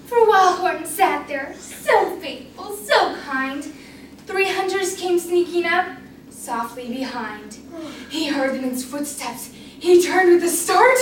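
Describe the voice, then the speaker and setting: A woman narrating a rhymed children's story at a speech competition, expressive and sing-song. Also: extremely high pitch. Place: competition room. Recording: echoey room, mic far off, faint noise.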